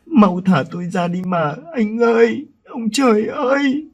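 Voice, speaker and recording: A man's voice: high voice, animated, a little slow, a little mellow, voice pushed up, heavily acted. A man voicing a desperate young wife who sobs and pleads in grief. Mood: anguished wailing. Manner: wailing, sobbing pleas.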